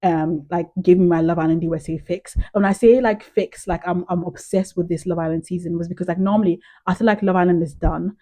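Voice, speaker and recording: A woman's voice: on the low side, fairly even intonation, fairly quick, few pauses, warm tone. A young British woman chatting casually to camera as a vlogger, gushing and full of "like" and "um". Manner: chatty, gushing, heavy use of "like" and "um".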